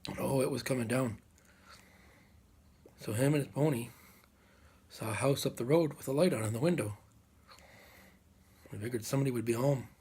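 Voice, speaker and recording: A male storyteller with a husky, slightly rough voice at a middling pitch. He tells a folk tale aloud in an unhurried way, leaving dramatic pauses and repeating phrases as he goes. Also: darkish tone. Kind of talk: live oral folk storytelling.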